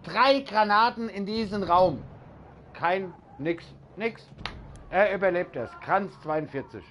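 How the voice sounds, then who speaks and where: Male gamer, slightly high voice, sweary grumbling, casual game chat, clear gunfire behind. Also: slow, a bit bright, a little hiss or hum. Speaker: video game player. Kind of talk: casual chat while gaming.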